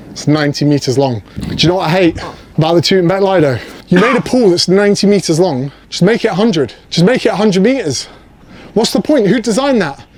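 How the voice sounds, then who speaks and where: A man from the United Kingdom narrating a casual travel vlog in a brash, jokey way, swearing for comic effect. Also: on the high side. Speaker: vlogger. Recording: loud background music under the voice.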